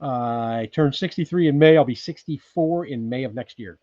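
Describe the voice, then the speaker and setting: A man's voice: medium pitch, moderate pace, dark tone, dry recording, muffled recording. A man in his sixties from California, hosting a casual livestream from his off-grid cabin, chatting loosely with many ums and restarts. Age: 60s. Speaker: livestream host. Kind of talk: casual live chat reading viewer comments.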